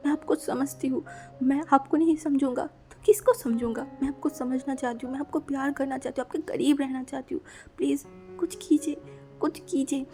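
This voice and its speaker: A woman's voice: fairly high pitch, fairly quick, dark tone, soft background music, lightly acted. A woman voicing a hurt young man who challenges and pleads with his lover through pointed questions in a fan-fiction audio story. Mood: pleading. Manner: defiant then pleading questions.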